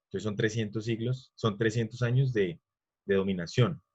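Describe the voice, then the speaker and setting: A man's voice: lowish voice, normal speed, a little mellow, husky, muffled recording. A man teaching an online history class, rambling and stopping to quiz his students.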